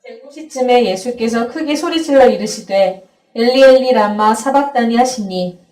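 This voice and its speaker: A woman with a fairly high, mellow voice reads a scripture passage aloud. The echo of a roomy church hall hangs around her words. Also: moderate pace. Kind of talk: scripture reading.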